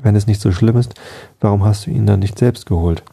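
A man's voice: lowish voice, fairly quick, creaky, warm tone. A man voicing a frightened, loyal young boy who speaks anxiously in a bedtime story. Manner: anxious and pleading.

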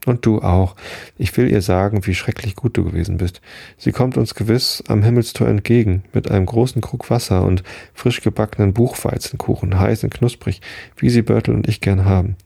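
A man's voice: fairly low pitch, steady tone, a little fast, creaky, warm tone, slightly rough. A man voicing an earnest, plaintive little girl of about five in a read-aloud story.

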